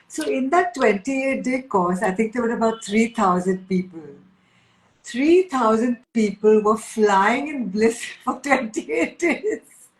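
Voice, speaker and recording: A woman's voice: fairly high pitch, lively intonation, takes it slowly. An Indian-accented woman speaking enthusiastically in a spiritual talk, repeating key phrases for emphasis. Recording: echoey room.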